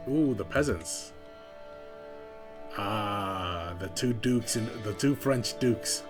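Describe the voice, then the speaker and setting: A man's voice: on the low side, takes it slowly, over music. A man streaming a strategy game live, thinking aloud and second-guessing his choices in a casual way.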